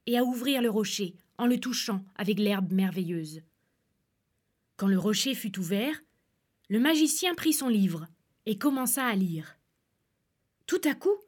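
A woman calmly reading a fairy tale aloud as storyteller. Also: a little high.

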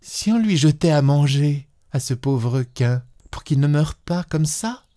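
A man voicing a meek, resigned female servant with a soft, pleading manner in a read story. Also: a little high, expressive, measured pace, voice pushed up. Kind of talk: storybook reading.

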